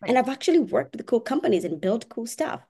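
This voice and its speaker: A woman, a software engineer chatting animatedly as a podcast guest and laughing often. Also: a little high, big pitch swings, fast, breathy edge. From Kenya. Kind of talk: casual interview chat.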